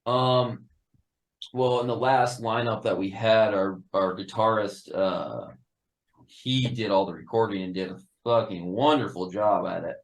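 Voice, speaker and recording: A man's voice: on the low side, a little slow, poor audio. A man in a band, chatting casually in an interview, laid-back, laughing often and swearing freely. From Upper Peninsula of Michigan. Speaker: band member guest.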